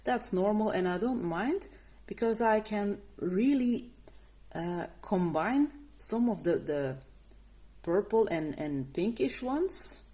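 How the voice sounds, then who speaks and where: In an animated, dark-toned, mid-range voice at a slow pace, a woman who runs a coloring channel offers a casual review of art markers. Not a native English speaker, she's hesitant, frequently stopping to restart her sentences amid many fillers.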